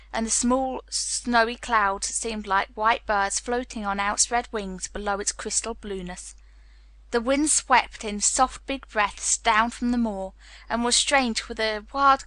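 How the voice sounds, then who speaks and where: Woman narrator for learner storybook, bright tone, dry close mic. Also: on the high side, no room sound.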